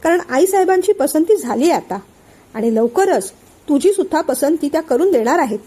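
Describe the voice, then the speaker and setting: A woman voicing a calm older man who patiently explains and soothes his friend. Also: high voice, normal speed. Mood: calm, persuasive. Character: calm older male friend and family elder.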